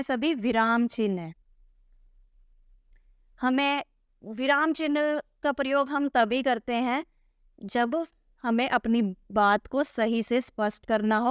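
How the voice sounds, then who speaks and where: Casting note: woman teacher, fairly high and smooth, patient, quizzes and answers herself, close dry mic. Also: dry recording. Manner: patient, asks and answers her own questions. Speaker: Hindi teacher. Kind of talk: explaining a textbook lesson.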